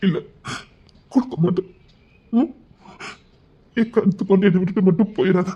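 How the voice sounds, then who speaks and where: A male storyteller with a husky, slightly high voice narrates a romantic drama. He leans into tearful emotion as he voices the characters. The recording sounds dull and lo-fi. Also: normal speed.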